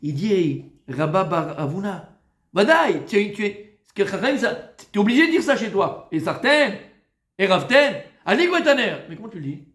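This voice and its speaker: A rabbi with a high voice teaches an informal Talmud class to a live group. He is familiar and teasing, calls his listeners "Habibi", and swings from loud urging to soft, coaxing tones. The sound has the strong echo of a reverberant room. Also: expressive, fairly quick. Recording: echoey room.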